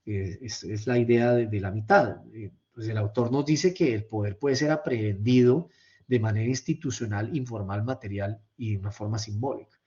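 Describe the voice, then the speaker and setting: Giving a slide-based university lecture, a man with a warm, lowish voice speaks at a moderate pace. His explanations are hesitant, with frequent repeated words and tag questions, captured on a slightly dull, lo-fi mic.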